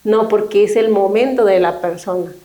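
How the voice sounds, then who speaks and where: A middle-aged woman speaks as a guest in a conversational interview. Her tone is soft and mellow, sitting at an ordinary middle pitch. She talks in a reflective, unhurried way and often pauses to check in with a quick tag question. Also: poor audio. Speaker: thanatologist guest.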